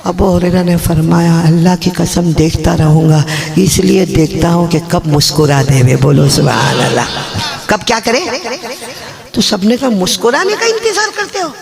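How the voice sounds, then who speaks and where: Male preacher, high and gravelly, storytelling sermon with crowd call-and-response, live audience audible. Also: animated, moderate pace, loud music behind the voice. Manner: calls on crowd to repeat and respond; joking asides to the audience. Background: audience gathering.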